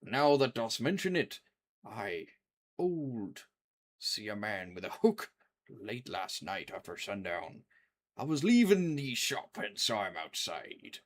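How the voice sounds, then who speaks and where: A man voicing a gruff, salty old fisherman in a video game, with a slow seafaring drawl. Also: fairly low pitch, sing-song, full character voice. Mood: gruff, suspicious.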